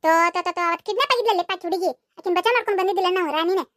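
Voice actor as a teasing village boy friend, North Karnataka accent, very high and rapid talk, for a cartoon. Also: fairly bright tone, no room sound, studio quality. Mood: excited. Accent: North Karnataka Kannada. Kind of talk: cartoon voice acting.

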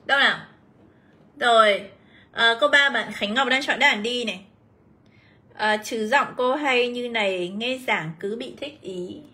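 A young woman teaches English during a livestream exam review, her voice fairly high, bright and forceful, moving at a measured pace with frequent pauses. She chats with viewers, greets them, reads out their answers and comments, and addresses the class as "mọi người".

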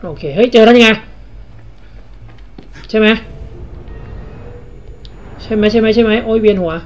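A man's voice: high-pitched, fairly even intonation, unhurried, soft background music, poor audio. Chatty man doing casual gameplay commentary. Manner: chatty, repeats short phrases and swears playfully.

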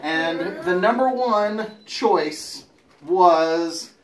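Casual home-video host: woman with a lowish voice, repeating her announcements game-show style, filmed on a phone in a dining room. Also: drawn-out words, very noisy. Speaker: host of a family taste test. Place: home dining room with family around a table. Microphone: handheld phone camera.

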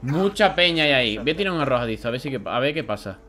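A young man with a Spain Spanish accent doing live gameplay commentary, excitable and grumbling, swearing when frustrated. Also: mid-range voice, fast. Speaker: gaming YouTuber.

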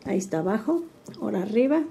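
A woman's voice: mid-range voice, quick pace, vocal fry, a little hiss or hum. An older woman, patiently explaining an embroidery stitch step by step as she works. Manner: patient, calmly narrates each stitch while working. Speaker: embroidery teacher. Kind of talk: step-by-step craft tutorial.

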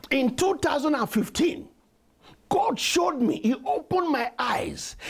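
A pastor preaching a fervent prayer sermon at a church service, repeating commands and praying in tongues. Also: male voice, very high voice, creaky, husky. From immigrant to Canada.

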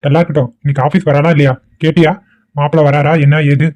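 A man's voice: on the high side, quick pace, natural voice. A man voicing an easygoing, teasing cartoon dad. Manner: calm, teasing, lecturing. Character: easygoing middle-aged father indulging his son.

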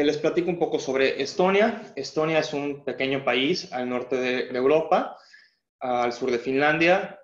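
A young man with a Mexican accent giving a webinar presentation over a video call. He explains things earnestly, with frequent hesitations and restarts. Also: mid-range voice. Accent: Mexican Spanish. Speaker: guest presenter. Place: indoor room, on a video call. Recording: roomy, dull video-call audio.

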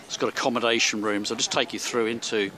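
Speaking fast and flatly in a mid-range voice, this man leads a rambling walking tour of a seaside hotel, stumbling through fillers and restarts. He's a travel vlogger filming on a handheld camera as he goes through hotel rooms and out onto a seaside street, where a crowd can be heard.

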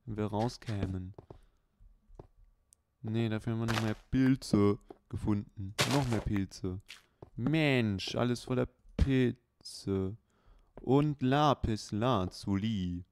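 Slow-talking man commenting on a game. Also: on the low side. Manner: unhurried, chatty running commentary with many fillers. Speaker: let's play host. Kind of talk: casual gameplay commentary. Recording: clear background hiss.

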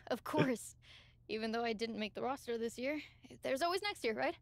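An eager young wrestler, talking with an earnest, bright manner in a high voice. The sound is dry and close. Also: female voice, animated, normal speed, no echo. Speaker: game character.

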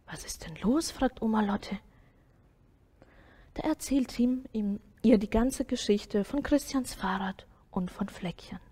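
A woman reading a Sunday school story aloud to children, soft and often sinking to a near whisper. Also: on the high side, slow pace, slightly rough.

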